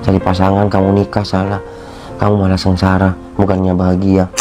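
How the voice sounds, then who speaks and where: A man's voice: low voice, completely flat delivery, brisk, lightly acted. Guy playing a sick husband, weak and sorry sounding, music going behind him. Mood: weak, apologetic. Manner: weak, pained, apologetic. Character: sick, ashamed young husband, gentle toward wife. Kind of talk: short film acting. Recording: background music under the dialogue.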